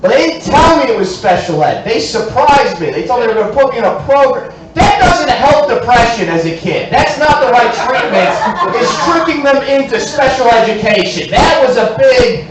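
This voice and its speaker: A high, lively male voice tells crude, self-mocking stand-up stories, often stumbling over his first words. He sounds distant in a very echoey room with steady noise behind him. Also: moderate pace, hardly any pauses. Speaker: stand-up comedian. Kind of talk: stand-up set. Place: comedy show in a hotel room.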